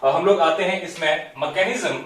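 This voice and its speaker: A man's voice: a little high, moderate pace. A man teaching a biology class at a whiteboard. He explains step by step, keeps checking in with the class and mixes English terms into his talk. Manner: explanatory, repeats "theek hai" often, mixes English terms. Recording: very echoey room, distant mic.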